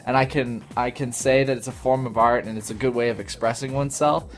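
A man's voice: mid-range voice, fairly even intonation, brisk. A young man giving casual gameplay commentary, rambling with many restarts and chuckles. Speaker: let's play commentator. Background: faint game music.

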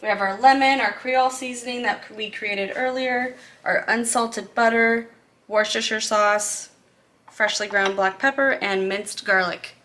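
A woman's voice: fairly high pitch, fairly even intonation, measured pace, bright, forceful tone, a little hiss or hum. A woman explaining a recipe step by step in a casual, chatty cooking video, recorded in a home kitchen, laughing now and then. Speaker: cooking vlogger.

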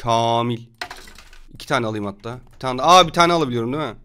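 A man giving loud, jokey commentary while playing a video game. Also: medium pitch, expressive, rapid-fire, smooth. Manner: loud, jokey, yelping reactions. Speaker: gamer streamer. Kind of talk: excited gameplay commentary.

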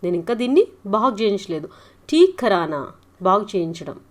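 A woman teaching a spoken language lesson. She says each sentence, repeats it slowly and mixes in English glosses. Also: mid-range voice, very animated.

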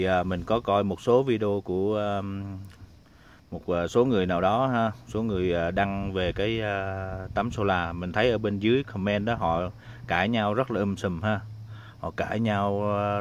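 A man's voice: fairly low pitch, lo-fi sound. A man casually showing a solar panel hookup, chatty and full of filler sounds, talking to his viewers while he works outdoors. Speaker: DIY tinkering vlogger. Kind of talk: casual hands-on demonstration.

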